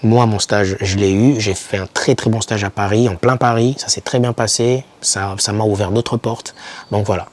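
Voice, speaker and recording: With a fairly low pitch, a steady tone and a moderate pace, a young YouTuber offers foreign students motivational advice on camera. The delivery is informal yet emphatic, repeating key words to lift the listener.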